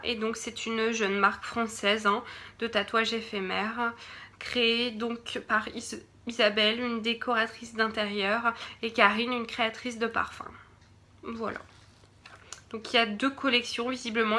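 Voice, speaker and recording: A woman's voice: fairly high pitch, bright, forceful tone. A woman from France doing a casual unboxing video, hesitant, with many fillers and restarts, sometimes dropping to a murmur while she checks products. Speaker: beauty box reviewer.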